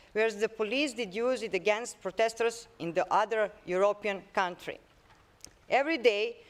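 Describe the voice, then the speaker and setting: A woman with a Serbian accent reading a prepared speech as a parliamentarian in an assembly. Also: medium pitch. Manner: reads a prepared statement, occasional restarts.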